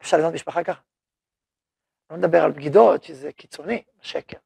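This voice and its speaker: A man gives a religious lesson to his students in a rough, gravelly voice with a breathy edge. He sits close and dry on the recording, with little room sound. He tells everyday stories, plays both sides of the dialogue, and keeps asking the class questions. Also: a little high, dry recording. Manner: animated storytelling, acting out short dialogues; asks the class questions and answers them. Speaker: yeshiva head teaching a class. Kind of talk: spoken Torah lesson.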